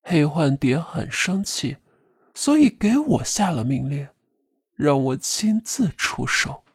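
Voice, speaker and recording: A woman's voice: low voice, sing-song, takes it slowly, breathy edge, dry recording, studio quality, full character voice. A woman voicing a sinister clown puppet assassin with a distorted, eerie voice, taunting and giggling. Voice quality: distorted, eerie, ugly processed voice. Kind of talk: audiobook drama voice.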